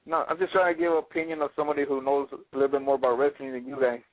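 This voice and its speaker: A man's voice: mid-range voice, fairly even intonation, very fast. A man calling into a radio show, defensive and stammering as he argues. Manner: defensive, stammering when pressed. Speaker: caller. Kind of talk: call-in radio opinion. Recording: tinny phone line.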